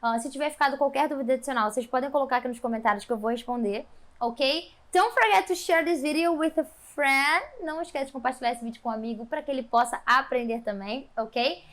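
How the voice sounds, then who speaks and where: High-voiced Brazilian woman teaching English. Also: fairly bright tone. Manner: explains patiently, models English phrases slowly with exaggerated intonation. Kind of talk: YouTube English lesson.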